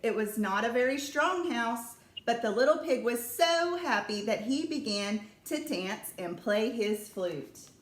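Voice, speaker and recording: A woman reading a children's story aloud in a slow, even storytelling manner. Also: fairly high pitch, reverberant, slight background noise.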